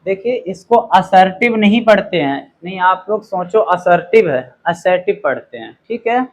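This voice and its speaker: A man with a high voice and lively intonation teaches grammar, explaining slowly and reading examples very clearly. After each point he checks in with "okay," and the recording quality is rough.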